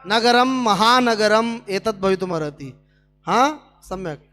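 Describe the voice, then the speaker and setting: Man with a really high voice teaching sanskrit, talks slow, keeps quizzing the class. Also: expressive, sharp tone. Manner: slow, drilling students with questions. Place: classroom at a Sanskrit speaking camp.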